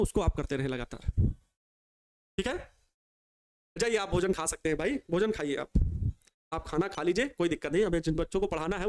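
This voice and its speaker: A man's voice: sits high, smooth. A young man from North India, a physics teacher chatting and digressing as he talks straight to his students in a live online class. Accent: North Indian Hindi.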